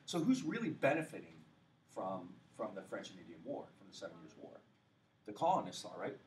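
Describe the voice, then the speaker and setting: Low-voiced male professor lecturing from afar. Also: sing-song, a little fast, darkish tone. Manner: loose, joking lecture style with many fillers and rhetorical questions. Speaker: history professor. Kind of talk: university lecture. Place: lecture hall. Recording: far-off mic with faint hiss.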